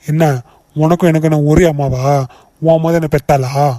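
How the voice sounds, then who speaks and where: A man's voice: a little high, steady tone, a little fast, mellow, close to an everyday voice. A man voicing a sneering bully brother. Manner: sneering, insulting. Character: young male bully brother, rude and threatening. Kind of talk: cartoon voice acting.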